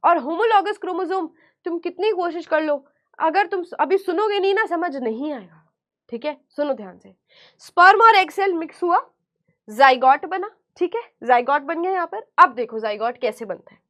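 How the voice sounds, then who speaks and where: A woman teacher with a strikingly high voice leads an online lesson. She talks slowly and deliberately on her terms, repeating each question and answering it herself in a coaxing tone. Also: lively intonation, fairly bright tone. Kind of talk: online class lecture.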